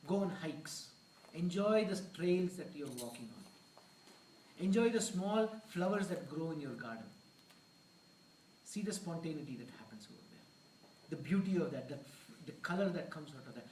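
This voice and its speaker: A man's voice: a little high, expressive, moderate pace, a little mellow, slight background noise. A man giving an earnest discourse at a temple, mixing Hindi phrases into English. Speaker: temple speaker. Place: temple hall. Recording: echoey hall, mic far off.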